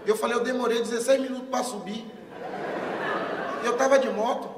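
A young male stand-up comedian from Bahia with a Bahian accent, telling a story on stage, profane and animated, acting out the dialogue. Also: extremely high pitch, a little fast, heavy background noise. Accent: Bahian Portuguese. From Bahia, Brazil. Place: comedy stage before a live audience. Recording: roomy hall, distant mic, loud crowd.

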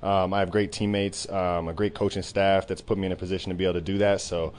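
Young male athlete, low-pitched, rapid, soft-spoken postgame interview with a faint room hum. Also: flat delivery. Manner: soft-spoken, many "um" fillers. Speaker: professional basketball player.

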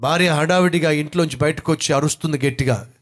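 Male pastor, Telugu accent, forceful sermon delivery in punchy repeated phrases, slightly raised pitch. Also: fast talker. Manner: emphatic preaching in short repeated phrases.

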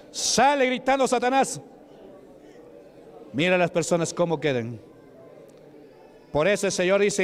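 High-voiced shouting preacher man. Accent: Peruvian Spanish. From Peru. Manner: shouted commands and chanted repetitions. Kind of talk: fervent deliverance preaching. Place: church service.

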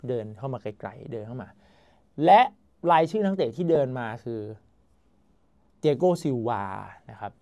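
A young man excitedly telling his friends' vlog story about a trip to a football club, casual and swearing lightly. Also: medium pitch, moderate pace, vocal fry, pauses often. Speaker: football vlogger.

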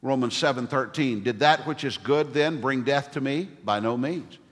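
A middle-aged pastor delivers an earnest sermon at a pulpit microphone. His voice sits at an ordinary male pitch and rings out with the long reverb of a church sanctuary. He moves easily into storytelling asides. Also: moderate pace.

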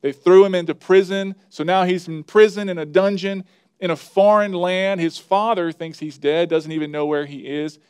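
A man's voice: sits high, moderate pace, a little mellow, clean tone. A man preaching a sermon as pastor, earnest and conversational, building emphasis as he makes his points.

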